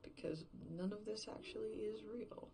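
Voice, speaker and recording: A woman performs a distraught survivor coming apart alone in an emptied world, delivering a halting, profane, self-questioning confessional monologue for a horror fiction podcast. Her medium-pitched voice is only lightly acted and carries bleak resignation, with background noise present.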